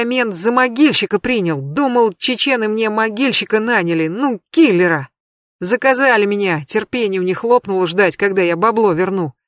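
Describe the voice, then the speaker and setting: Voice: medium pitch, no echo, studio quality, natural voice. A reader voicing a cornered foul-mouthed male crook. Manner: crude, aggrieved, swearing. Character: bitter cornered male criminal, middle-aged, foul-mouthed. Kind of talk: audiobook character reading.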